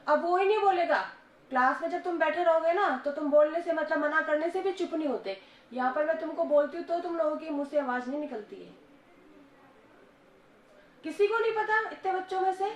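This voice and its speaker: A woman with a high voice teaches a school grammar lesson. She scolds and coaxes her pupils to answer. The classroom sounds echoey, with faint noise behind. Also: a little fast.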